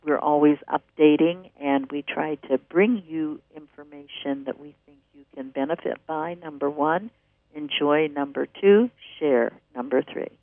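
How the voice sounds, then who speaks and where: Chatty higher-voiced man on radio. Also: measured pace, no room sound. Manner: chatty, enthusiastic, rambling with fillers. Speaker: radio show host. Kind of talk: casual promotional radio talk. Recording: narrow dry phone-like radio audio.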